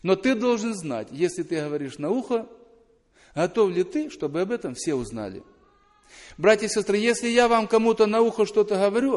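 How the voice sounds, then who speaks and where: A man with a fairly high voice delivers a sermon to his congregation. He rises loud on the points he stresses and drops low and quiet to read scripture. The sound carries a long reverb, as in a large church hall. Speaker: preacher.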